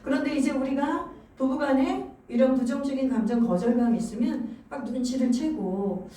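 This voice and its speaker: High-voiced woman pastor preaching in an echoey hall. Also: normal speed. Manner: animated, acts out spouses' lines in quoted voices. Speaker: senior pastor. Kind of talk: sermon. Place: church sanctuary. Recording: echoey church hall, far from mic.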